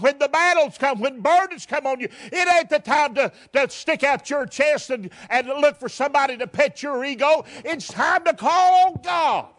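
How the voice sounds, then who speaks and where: A man's voice: very high voice, fairly bright tone. A man preaching a fervent, folksy sermon, firing rhetorical questions and repeating words as he builds.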